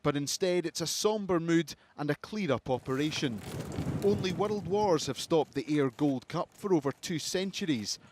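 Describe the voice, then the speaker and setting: Man, news reporter. Somewhat high-pitched voice, broadcast report delivery. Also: animated, moderate pace, background noise.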